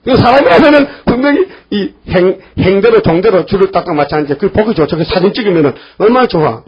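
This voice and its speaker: Husky high-voiced older preacher, folksy. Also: male voice, expressive, fast. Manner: folksy, scolding, acts out voices of biblical figures. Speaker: pastor. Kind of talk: sermon. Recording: dull lo-fi church recording.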